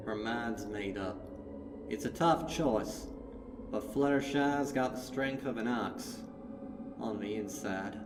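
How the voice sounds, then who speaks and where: A man voicing a grim, steady country mare holding back grief, folksy and plain-spoken, in a dramatic story reading. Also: fairly low pitch, takes it slowly, reverberant, in a large hall, distant mic, very noisy. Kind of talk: dramatic fan fiction reading.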